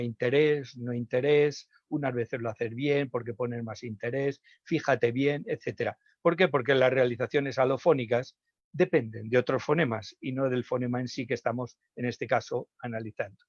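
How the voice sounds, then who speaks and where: A man from Spain, a speech therapist giving an online lecture, teaching patiently and slowly sounding out example words. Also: mid-range voice, no echo. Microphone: video call. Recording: dull, dry video call audio.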